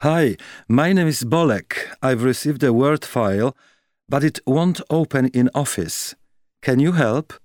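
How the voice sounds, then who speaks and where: A man leaving a voicemail message as a caller, speaking slowly and carefully and reading out his number digit by digit. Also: mid-range voice, a little mellow, no room sound, clean studio sound. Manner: slow, careful, reads out digits one by one. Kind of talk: scripted listening exercise dialogue.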